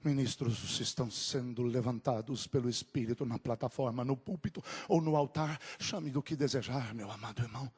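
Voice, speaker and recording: A man preaching a sermon, moving from low, quick talk to drawn-out shouted climaxes. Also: husky.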